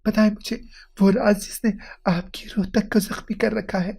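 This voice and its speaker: A man voicing a young wife in a storybook tale, speaking softly in a trembling, coaxing voice. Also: sits high, fairly even intonation, creaky, slightly rough, pitched above the performer's own voice, full character voice. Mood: tender coaxing. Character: gentle, worried young wife.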